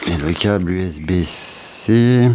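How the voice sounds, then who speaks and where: A man's voice: low voice, lively intonation, takes it slowly, noisy background. A man, casually unboxing a phone and thinking aloud with hesitant fillers. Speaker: tech unboxing vlogger.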